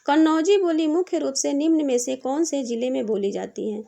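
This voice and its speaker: A woman with a high, mellow voice runs an exam-prep lesson, reading each question aloud twice before explaining it. Her pace is patient and steady, and she repeats key points. Her tone stays soft and dark rather than bright. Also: fairly quick, creaky. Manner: patient, repetitive teaching. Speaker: teacher.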